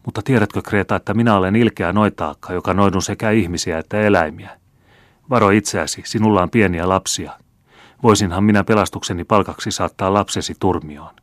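A man's voice: deep voice, dry recording, natural voice. A male narrator voicing a devout old woman accused of witchcraft, answering in a dry, curt, firm way. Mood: anxious.

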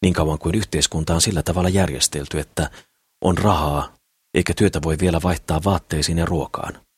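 A man's voice: sits low, fairly even intonation, breathy edge, no room sound, studio quality. A man reading the lines of a naive, idealistic poor man in an audiobook, in an eager, rambling way. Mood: earnest.

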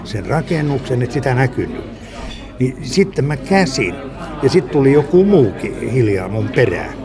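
A man's voice: medium pitch, big pitch swings, a crowd in the background. A man casually telling a long personal story, rambling and restarting as he recalls details. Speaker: interviewee recalling a snowstorm.

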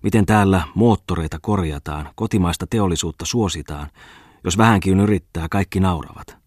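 A man voicing a boisterous, pedantic male schoolmaster who mocks loudly and cackles, in a storybook reading. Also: low-pitched, dry recording, studio quality. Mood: mocking. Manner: loud, sneering, cackling.

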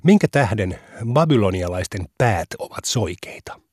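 A man's voice: on the low side, very animated, a little mellow, breathy edge, no room sound, studio quality. A man reading a pushy, goading provoker. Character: pushy, mocking young male provoker.

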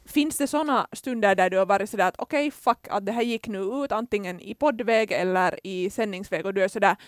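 A woman co-hosting a podcast in casual chat, asking questions and teasing with quick interjections. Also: medium pitch, dry recording, studio quality. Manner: brief backchannels, teasing interjections. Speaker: podcast co-host.

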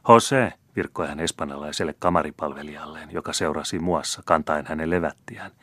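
A man narrating a classic novel as an audiobook in a measured, even way. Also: a bass voice, no echo.

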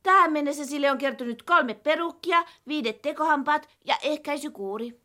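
A woman's voice: high voice, bright, forceful tone. An actress dubbing a cheerful, chatty female office worker in a sitcom, talking in a perky, matter-of-fact way. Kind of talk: dubbed sitcom acting.

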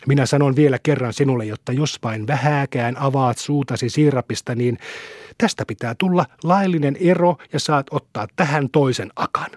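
A man's voice: mid-range voice, no echo, clean studio sound, lightly acted. A man reading aloud, voicing a quarrelsome middle-aged peasant wife who talks in a scolding, contemptuous way.

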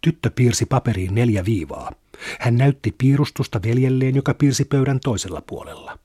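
A man narrates fiction in a steady, measured way. His voice is husky and mid-pitched. The recording is dry and close. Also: no echo. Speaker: reader. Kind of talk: literary reading.

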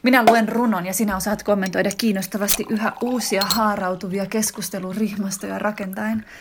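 A woman's voice: medium pitch, background noise, close to an everyday voice. A woman voicing a wistful wife reading a letter to her husband in a radio drama monologue, intimate and reflective. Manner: intimate, reflective, growing more heightened and excited.

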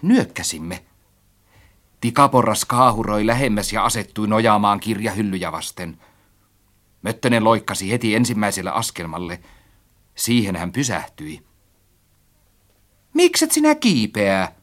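A man's voice: fairly low pitch, pauses often, fairly bright tone. A man narrating a story as an audiobook, reading expressively and acting out his own quoted lines.

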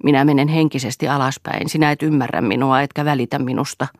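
A woman's voice: very deep voice, steady tone, no room sound, clean studio sound. A woman reading the lines of a bitter, domineering husband who talks with scorn and blame. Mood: scornful. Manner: scornful, accusing.

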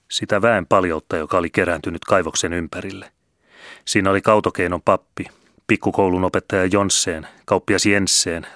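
A man calmly reading a novel aloud as an audiobook narrator. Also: deep voice, no echo, studio quality. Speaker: audiobook reader. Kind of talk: scripted narration.

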